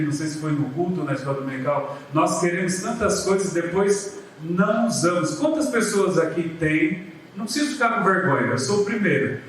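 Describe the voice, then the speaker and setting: Brazilian man, pastor, animated sermon delivery, very reverberant church sound. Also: high voice, a little hiss or hum. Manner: lively preaching, acts out biblical voices, calls the people "queridos". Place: church sanctuary. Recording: very echoey church hall from a distance.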